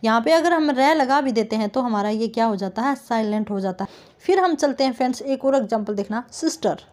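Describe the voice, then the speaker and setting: Woman, high voice, teacher, online lesson, step-by-step explaining, slow drawn-out example words. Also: a little mellow. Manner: explains step by step, often says "thik hai friends"; draws out example words slowly. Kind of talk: online lesson on phonetic transcription.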